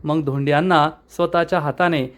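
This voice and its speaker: A man recapping a TV serial episode as a story, lively and reading out the characters' lines himself. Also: a little high, brisk. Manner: lively, reads dialogue aloud.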